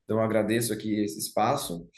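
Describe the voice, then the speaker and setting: Talking quickly in a lowish, fairly flat voice, a young Brazilian Portuguese speaker reflects on music in a spoken lecture. He keeps restarting phrases and tagging on "né?", and the room gives noticeable echo.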